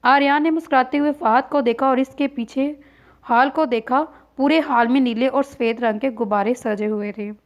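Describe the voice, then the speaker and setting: A woman with a high voice reads a novel aloud in scripted narration. She keeps an even, read-aloud delivery and voices every character herself. The recording is dull and lo-fi, like a simple home setup. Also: normal speed. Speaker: novel reader.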